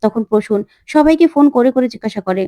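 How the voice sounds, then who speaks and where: A woman recapping a TV serial episode in rapid storytelling, close to the mic. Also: fairly high pitch, animated, warm tone, no echo. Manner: rapid storytelling, voices all roles. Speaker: narrator.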